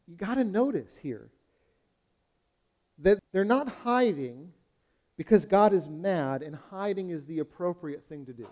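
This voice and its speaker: A male pastor delivers a sermon in an earnest, questioning manner. His voice sits slightly high for a man yet sounds mellow and warm. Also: expressive, a little slow, long pauses. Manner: earnest, questioning, speaks to the congregation as friends.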